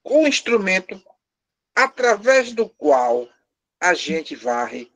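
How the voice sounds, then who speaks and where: A man's voice: high-pitched, sing-song, slow, fairly bright tone. Brazilian male teacher, patient step-by-step explainer, quizzes the class, a little teasing. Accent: Brazilian Portuguese. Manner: lightly teasing, joking with the class. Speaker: language teacher. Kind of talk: live class lesson.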